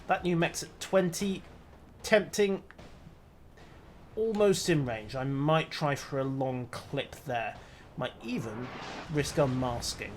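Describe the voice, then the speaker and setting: This naval battle game streamer speaks slowly in a slightly high voice, leaving long pauses, with a little hiss or hum in the recording. His live gameplay commentary is dry, wry and muttered as he talks himself through each move.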